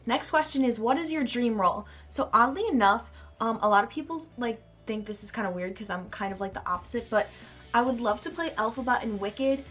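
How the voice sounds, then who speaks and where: With faint music behind her, this bubbly teenage vlogger answers a tag from her bedroom. A cold leaves her voice nasal and congested, and it sits on the high side, a bit bright and breathy, moving a little fast.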